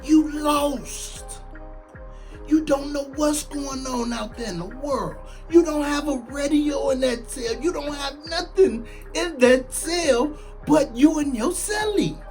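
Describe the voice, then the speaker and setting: A man's voice: very high-pitched, takes it slowly. Late 30s guy rapping about doing time, loose slang, says stuff twice for emphasis, bit of music in the back. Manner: animated, slangy, repeats lines for emphasis. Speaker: former prisoner telling his story. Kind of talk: casual storytelling to camera.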